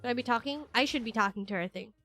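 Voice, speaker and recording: Streaming her first playthrough of a video game, a woman with a stuffy, congested nose gives casual commentary at a very fast clip. She's excitable, gasping and laughing often, and her fairly high voice has faint music behind it.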